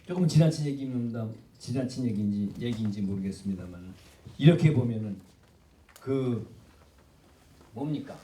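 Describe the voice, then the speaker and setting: An older man lectures on literature with lively, swooping intonation and a mellow, darker tone. He speaks emphatically and addresses the audience directly. The recording picks him up from a distance in an echoey public hall. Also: medium pitch. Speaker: professor giving a public lecture.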